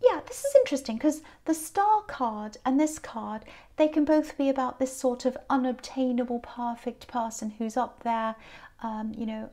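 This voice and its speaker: A tired woman with a croaky voice, giving a casual tarot card reading in a gentle, reflective way. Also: on the high side. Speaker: tarot reader.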